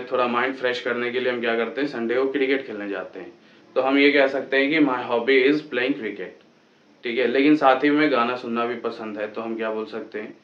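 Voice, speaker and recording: A young man in his twenties from Patna, India, gives a Hindi-language lesson on English phrases, slowing right down to spell out example sentences. His voice is medium-pitched with the highs cut off, and the room is echoey, with faint music.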